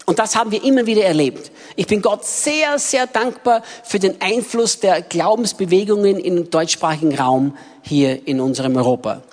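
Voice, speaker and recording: A woman giving a sermon in animated storytelling style. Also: mid-range voice, moderate pace. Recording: long hall reverb.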